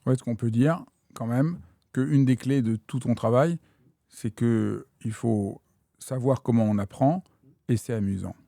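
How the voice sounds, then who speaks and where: A man hosting a podcast conversation, speaking slowly and thoughtfully. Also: mid-range voice, creaky, mellow, no echo, studio quality. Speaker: podcast host.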